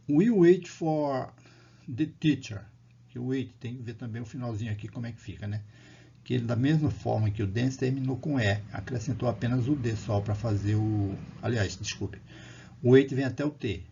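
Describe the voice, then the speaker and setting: A man from Brazil teaches basic English grammar, talking patiently and repeating each example. His voice is mellow and a little husky. The recording sounds dull and lo-fi. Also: mid-range voice. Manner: explains patiently in Portuguese, reads English lines slowly and loudly, repeats them. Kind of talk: recorded language lesson.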